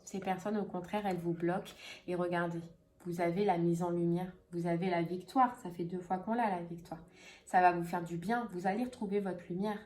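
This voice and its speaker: A woman's voice: lowish voice, fairly even intonation, fairly quick, a little mellow. A woman giving a casual tarot reading, chatty and full of fillers and repeated phrases. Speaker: tarot reader.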